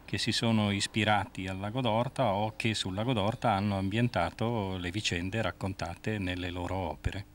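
A man's voice: lowish voice, fairly even intonation, normal speed, hardly any pauses, slight background noise. An older man, a writer and journalist, answering interview questions outdoors in long winding sentences full of hesitant filler sounds. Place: outdoors on a balcony. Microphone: handheld interviewer mic.

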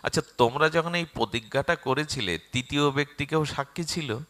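A man doing an old brahmin, calm and reasoning. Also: fairly high pitch, brisk, close to an everyday voice. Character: god disguised as an old male brahmin, calm arbiter.

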